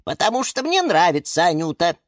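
A man voicing a fussy, excitable male lemon houseplant who turns shrill when upset, in a children's storybook. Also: fairly quick, dry recording, studio quality.

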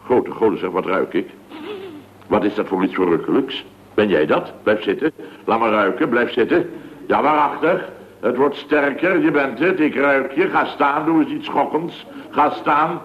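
A man playing a blustering, excitable male contractor boss in a 1960s radio comedy, with stammering and loud yelps. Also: mid-range voice, normal speed, lightly acted. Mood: teasing. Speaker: boss of a building firm. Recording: dull lo-fi old radio recording.

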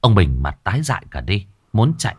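A man narrating a ghost story in a dramatic, expressive storytelling manner. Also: on the low side, brisk, husky, no echo.

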